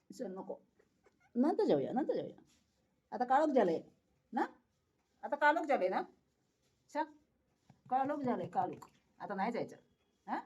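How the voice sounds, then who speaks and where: A woman with a high voice talks casually to her viewers while coaxing her cat. She repeats herself often and breaks into laughter. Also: a little mellow. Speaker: pet vlogger.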